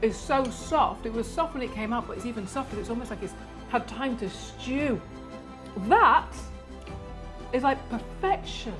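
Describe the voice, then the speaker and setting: A woman's voice: a little high, lively intonation, moderate pace, music in the background. A British woman co-hosting a casual cooking video at home, teasing and skeptical. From Britain. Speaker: co-host. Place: home kitchen.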